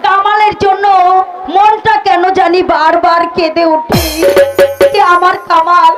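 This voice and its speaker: Music and crowd noise sit behind a weary, fearful mother of the folk stage, played by a woman. The voice is extremely high. It pleads in tearful, sing-song declamation. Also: steady tone, unhurried. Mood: weary, sorrowful. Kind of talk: folk theatre (jatra) stage acting.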